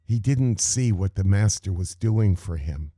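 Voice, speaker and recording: Slow, low-voiced man giving a meditation talk. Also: expressive, dark tone, slightly rough, no echo, studio quality. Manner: measured, asks rhetorical questions. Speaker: meditation teacher. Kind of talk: contemplative spiritual talk.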